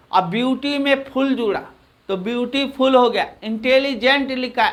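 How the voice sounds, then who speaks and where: A man with a Hindi accent teaching an English grammar lesson, repeating phrases slowly and answering his own questions. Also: extremely high pitch, fairly bright tone.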